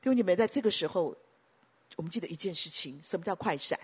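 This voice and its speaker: A woman pastor preaching a sermon emphatically, piling up repeated phrases and breaking into sudden loud bursts. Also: on the low side, lively intonation, fast, slightly rough.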